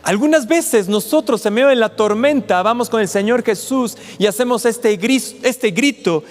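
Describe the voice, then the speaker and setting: High-voiced Mexican man preaching. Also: normal speed. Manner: conversational preaching, acts out pleading quotes. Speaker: pastor. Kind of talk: sermon. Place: large auditorium. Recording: echoey auditorium with faint music.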